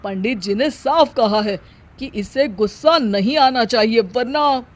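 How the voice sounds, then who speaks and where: A woman's voice: fairly high pitch, unhurried, natural voice. Woman voicing a bossy scheming mother-in-law. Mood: smug. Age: older. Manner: scolding, commanding.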